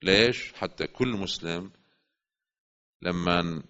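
Emphatic low-voiced lecturer. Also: male voice, slow. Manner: emphatic, swings between loud urging and low asides. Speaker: religious lecturer. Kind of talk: religious lecture. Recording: dull lo-fi recording.

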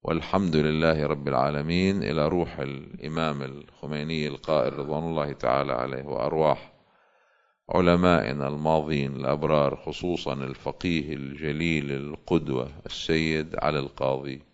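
A man with a Levantine Arabic accent teaches as a cleric in a religious lesson, speaking in a very deep, smooth and resonant voice. He explains his points patiently and keeps posing rhetorical questions. The recording sounds dull and lo-fi. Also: steady tone, brisk.

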